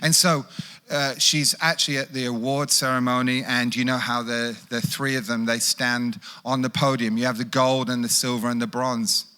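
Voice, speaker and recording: A man's voice: mid-range voice, little pitch movement, moderate pace, sharp tone, smooth. A middle-aged man preaching a sermon as pastor, speaking conversationally and acting out quoted voices with animation.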